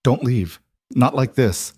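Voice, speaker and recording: A fierce, desperate young woman in the middle of a lovers' fight, as a male narrator puts her on, her pitch lifted well above his low register. She pleads and argues in a heated way. The narration is close to the mic in a dry, deadened room. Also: takes it slowly, warm tone, husky, dry recording. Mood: pleading.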